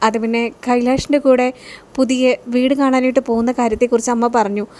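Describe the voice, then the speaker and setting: A woman recaps a TV serial episode for her channel's viewers. She rattles through it at a brisk clip in a fairly high voice. Her delivery is chatty and conversational, sprinkled with small casual tags. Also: little pitch movement, darkish tone. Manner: rapid retelling with conversational tags. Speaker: TV serial reviewer.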